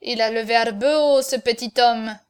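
A woman voicing a boisterous male Gascon swordsman who talks loudly in blustering exclamations. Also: high voice, unhurried. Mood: gruff.

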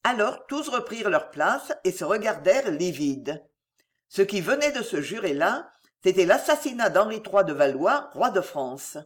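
An audiobook narrator giving an expressive, theatrical reading of a historical novel. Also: mid-range voice, normal speed.

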